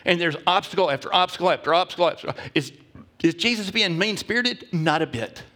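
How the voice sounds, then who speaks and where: A male pastor delivering a sermon, telling a story with emphatic repetition and sometimes dropping to a hushed whisper. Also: high voice, a little fast.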